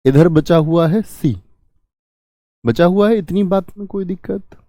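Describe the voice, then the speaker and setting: A male teacher giving an online class lesson, with a somewhat high voice that still sounds dark and mellow. He keeps asking the class questions and answers each one himself. The recording is dry, with little room sound. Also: a little slow, dry recording. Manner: apologizes for a slip and corrects it.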